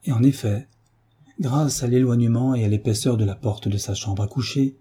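A man narrating a classic novel as an audiobook, reading in a steady, dramatic storytelling manner. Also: mid-range voice, moderate pace, slightly rough.

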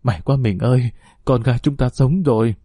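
A man's voice: mid-range voice, moderate pace, mellow, husky, no echo, clean studio sound, close to an everyday voice. A man voicing a grieving middle-aged mother who pleads tearfully with a doctor about her daughter. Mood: relieved.

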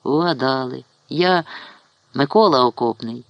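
A man voicing a subdued young soldier returning home, who answers quietly, politely and in few words, in a storybook reading. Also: medium pitch, measured pace, creaky, no room sound.

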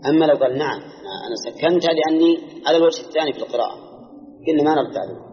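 A man with a Najdi Arabic accent teaching Quran exegesis, explaining slowly and quizzing his students. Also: fairly high pitch. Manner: measured, explanatory, quizzes listeners. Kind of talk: classroom lecture with questions to students. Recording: dull, echoey archival lecture recording.

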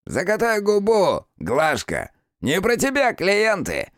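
A man voicing a fat, wheezing, crafty old innkeeper in an audiobook, gruff and mocking. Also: fairly high pitch, huge pitch swings, unhurried, no room sound, studio quality, pitched above the performer's own voice. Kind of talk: audiobook character voice.

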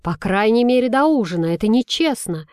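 A woman's voice: mid-range voice, expressive, a little slow, darkish tone, no echo, clean studio sound, lightly acted. A woman reading a storybook and voicing a spoiled, haughty boy prince who whines when he does not get his way. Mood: petulant. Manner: sulky and petulant.

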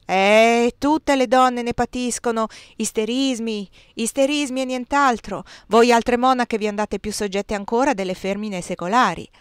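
A woman's voice: mid-range voice, lively intonation, normal speed, gravelly, hardly any pauses, a bit bright, dry recording, clean studio sound. A woman voicing a worldly, sly cardinal with a mellifluous, ironic voice. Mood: scornful. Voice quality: honeyed, mellifluous voice. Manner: dismissive, ironic.

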